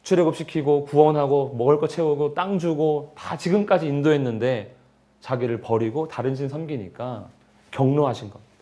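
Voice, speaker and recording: A man's voice: fairly high pitch, moderate pace, dark tone. A man, a pastor, leading a Bible study in a conversational way and acting out prayers and replies as dialogue.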